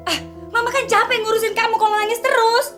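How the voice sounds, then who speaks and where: An actress playing a jealous young mother who shouts at her maid in a tearful, scolding voice. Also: extremely high pitch, level tone, fast talker, over loud music. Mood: angry scolding. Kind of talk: TV soap drama.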